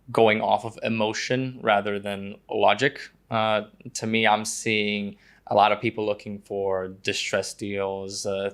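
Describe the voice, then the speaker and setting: Flat-voiced man from Croatia. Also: lowish voice, gravelly. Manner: hesitant, many fillers and restarts, flat delivery. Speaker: guest, prospective investor. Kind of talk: casual podcast interview.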